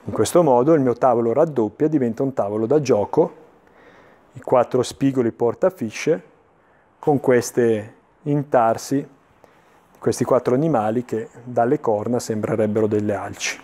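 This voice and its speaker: Male infomercial presenter, dark relaxed voice, measured and explanatory, unscripted sales delivery. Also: mid-range voice. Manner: explanatory, measured, with searching pauses and repetitions. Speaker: antiques dealer presenting items on a TV sales show. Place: indoor furniture showroom.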